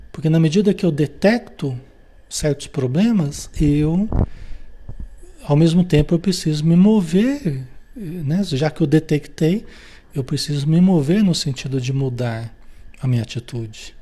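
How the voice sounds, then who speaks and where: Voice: mid-range voice, expressive, measured pace, warm tone. A teacher with a Brazilian accent giving an informal spiritual lesson. The teacher keeps checking in with the group through tag questions and acts out short everyday dialogues. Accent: Brazilian Portuguese.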